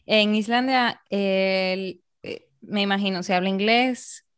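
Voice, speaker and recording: A woman's voice: medium pitch, steady tone, takes it slowly, clear, resonant tone. A woman interviewer with a Peruvian accent mixed with Dominican, reacting expressively to her guest. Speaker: interviewer, host. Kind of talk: casual interview.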